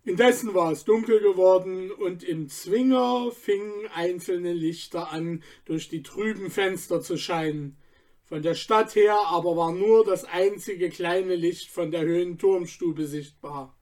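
A man reading a storybook aloud in a slow, calm narrating manner. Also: sits high.

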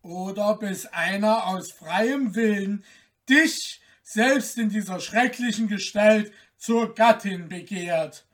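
A reader voicing a vengeful sorcerer who casts a curse, loud, slow and solemn. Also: mid-range voice, recorded from a distance, close to an everyday voice. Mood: cursing.

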